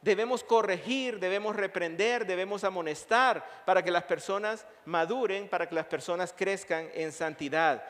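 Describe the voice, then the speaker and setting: A man's voice: high voice, normal speed, hardly any pauses, a bit bright. A male pastor preaching a sermon, emphatic, building his points through long repeated lists. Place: church sanctuary. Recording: long reverb of a church hall.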